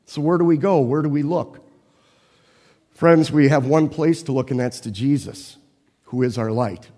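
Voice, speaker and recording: Pastor preaching in an echoing hall. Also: male voice, medium pitch, normal speed, warm tone. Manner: conversational storytelling, asking listeners questions. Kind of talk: sermon.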